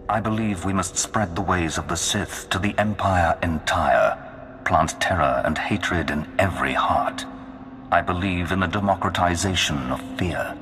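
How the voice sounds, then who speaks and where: An actor playing a menacing, grandiose Sith dark lord, commanding and slow in manner. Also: male voice, low voice. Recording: long hall reverb under loud music.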